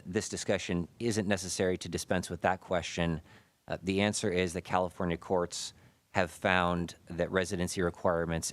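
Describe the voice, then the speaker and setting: A low-pitched American man presents a formal report to a committee. He talks through a face mask, so his words come out muffled. His delivery is careful and official, with hesitant pauses. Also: no echo. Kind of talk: formal public meeting presentation. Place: indoor city committee meeting room.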